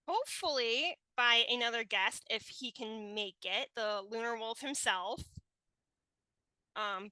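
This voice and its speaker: Bright, clear-voiced woman host. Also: a little high, no room sound. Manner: friendly, organizing guests. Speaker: podcast host. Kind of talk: casual tribute podcast hosting.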